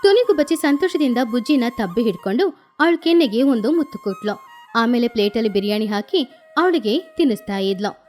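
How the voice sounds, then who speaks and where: A woman narrating a children's cartoon story in an expressive way. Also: on the high side, normal speed, faint music behind.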